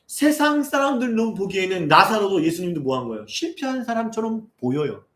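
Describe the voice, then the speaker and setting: A male pastor in his forties preaches in a high voice that leaps up and down as he questions his congregation. He builds from quiet asides to impassioned, near-shouted appeals. His voice carries through the echo of a roomy church sanctuary. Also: big pitch swings, a little fast. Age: 40s. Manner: asks the congregation constant rhetorical questions. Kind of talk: sermon.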